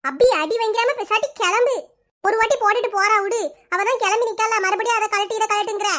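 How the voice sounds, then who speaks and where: A woman's voice: very high-pitched, a bit bright. A woman voicing a harried, scolding village mother in a cartoon, with a southern Tamil Nadu accent. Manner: brisk, scolding. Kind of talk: cartoon voice acting.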